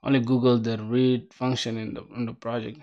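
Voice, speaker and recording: A man's voice: mid-range voice, flat delivery, a little fast, highs cut off. A man in his twenties chatting casually on a coding livestream, laid-back and slangy, reading viewer comments aloud. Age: 20s. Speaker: streamer.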